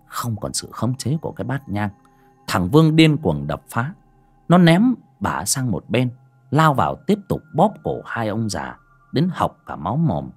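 A man's voice: on the low side, wildly swooping pitch, unhurried, husky, faint music behind. A man narrating an audiobook story in a dramatic manner. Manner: dramatic, varied delivery.

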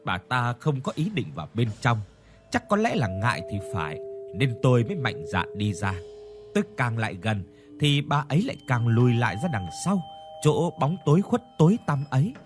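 A man reading a first-person ghost story aloud, in a slow, suspenseful way. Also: mid-range voice, very animated, soft background music. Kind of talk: scripted ghost story narration.

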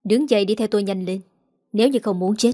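A woman's voice: mid-range voice, quick pace, warm tone, no room sound, studio quality, natural voice. Storybook: woman reading as a curt, tough woman in her fifties, firm. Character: tough fifty-something woman, martial artist.

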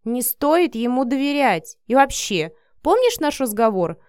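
A chattering, outspoken young woman who gossips with a quick laugh, voiced by a female narrator. Her lines ride high and bright, and the close recording is dry. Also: very animated, clear, resonant tone, dry recording. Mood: lively.

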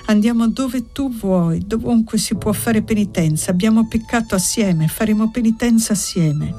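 A woman's voice: fairly high pitch, moderate pace, warm tone, faint music behind, voice pushed up, close to an everyday voice. A woman reading the part of an agitated young man who is proud and bitter, in an audiobook. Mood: urgent. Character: proud anguished young man refusing forgiveness.

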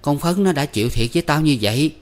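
A scolding middle-aged village mother, as a male storyteller puts her on, high-pitched and loud. She nags and chides in quick, sharp bursts. It sounds like a storybook reading. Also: expressive, natural voice. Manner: nagging, scolding.

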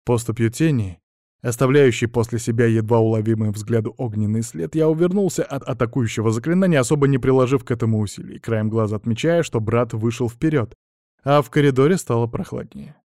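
A man narrating a first-person fantasy audiobook in a steady, even storytelling manner. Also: mid-range voice, a little fast, no room sound, clean studio sound.

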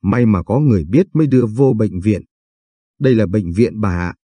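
A man's voice: on the low side, animated, normal speed, warm tone, breathy edge, no room sound. A man reading the lines of a curious young female nurse who keeps asking questions.

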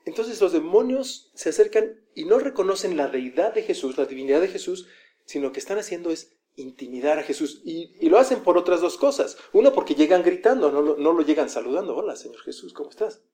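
Dark-voiced man preaching a conversational sermon. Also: a little high, animated, brisk. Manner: conversational, acts out quoted voices.

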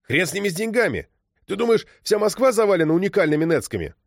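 A man voicing a gruff, short-tempered adult businessman who talks bluntly. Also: on the high side, very animated, brisk, darkish tone, dry recording, studio quality, pitched above the performer's own voice. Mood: exasperated.

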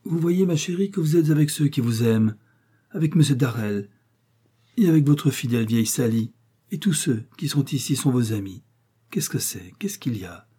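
A man reading a novel aloud, voicing a motherly innkeeper's wife who speaks softly and tenderly. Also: mid-range voice, lively intonation, moderate pace, husky, pitched above the performer's own voice. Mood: soothing. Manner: soft, soothing, tender.

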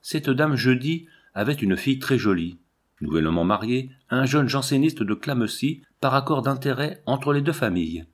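A man reading a classic novel aloud as an audiobook narrator, in a measured, even storytelling delivery. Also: medium pitch. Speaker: audiobook reader.

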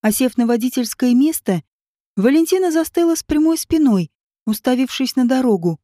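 A woman reading a novel aloud as an audiobook narrator in a steady storytelling manner. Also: high-pitched, normal speed, dry recording, studio quality. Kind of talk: scripted narration.

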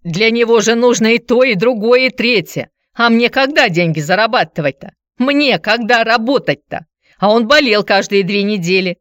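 A woman reading a story, voicing a worn-out, drunken ex-wife who pleads and shouts tearfully. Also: animated, moderate pace, dry recording, studio quality. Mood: shrill pleading. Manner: shrill, pleading, tearful outbursts.

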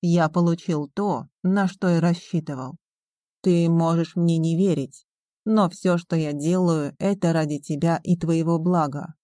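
A self-assured businessman who enjoys his games, read by a woman. He speaks calmly and slowly in a deep, mellow register. The tone stays knowing and controlled. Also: no room sound, studio quality, lightly acted. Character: scheming businessman father, smooth, self-assured.

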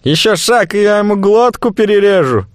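A man's voice: expressive, moderate pace, no room sound, studio quality. A man voicing a fat, panicky male slave trader who screeches threats while holding a hostage. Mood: frantic threatening. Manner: shrill, screeching, frantic.

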